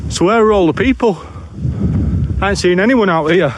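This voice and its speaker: A man's voice: high voice, normal speed. A man with a Bradford, West Yorkshire accent, chatting casually and bluntly in northern dialect for a solo camping vlog. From Bradford, West Yorkshire, England. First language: English. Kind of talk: casual walking vlog chat. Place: outdoors on open moorland, walking. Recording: outdoor background noise while walking.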